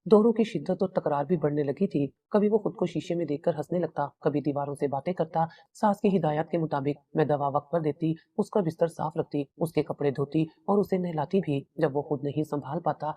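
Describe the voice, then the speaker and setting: A woman calmly narrating a first-person story in a measured, solemn way. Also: sits low, husky.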